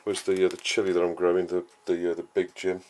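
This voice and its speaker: A gardening vlogger with a low, flat voice talks casually through his jobs in an outdoor vegetable garden and greenhouse. He speaks in a halting, unscripted way, explaining as he goes, and the camera mic captures clearly noisy outdoor ambience at an uneven distance.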